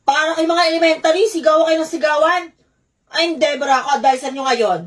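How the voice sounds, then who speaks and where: A woman's voice: high-pitched, fast. A woman in comedy sketches who delivers her lines in a scolding, bossy way. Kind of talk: comedic skits.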